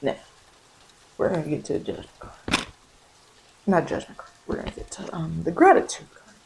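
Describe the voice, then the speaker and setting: A woman hosts an informal, encouraging ASMR-style tarot reading, speaking colloquially and repeating phrases for emphasis. Her low, creaky voice has a sing-song lilt at a moderate pace, with background noise of birds and rain.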